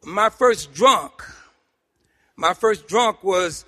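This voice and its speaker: In a reverberant meeting hall, a middle-aged or older man from Harlem, New York City, speaks with a forceful, high-pitched New York voice. He's giving his personal testimony at a recovery meeting, animated and funny like a seasoned storyteller, using pauses and repetition for emphasis.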